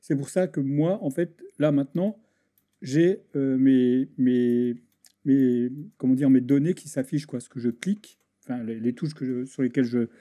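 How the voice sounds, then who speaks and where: A man giving a casual software tutorial over a screen recording, hesitant and full of restarts as he clicks through settings. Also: medium pitch, normal speed. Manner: hesitant, many restarts and fillers, talks while clicking. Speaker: video editing tutor.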